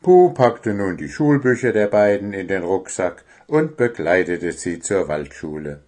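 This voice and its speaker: A man narrating a children's storybook in a calm, gentle reading voice. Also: low voice, measured pace.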